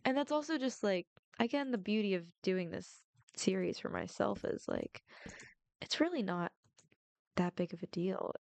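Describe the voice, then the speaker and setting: A woman's voice: medium pitch, expressive, moderate pace, creaky, a little mellow, no room sound. A young adult woman, a film student, chatting casually and rambling with lots of "like" fillers while playing a game. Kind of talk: casual gameplay chat.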